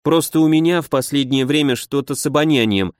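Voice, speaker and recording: A man's voice: on the high side, a little fast, dry recording, studio quality, close to an everyday voice. A man doing a shy, musing young woman. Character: timid, wide-eyed young woman with keen sense of smell.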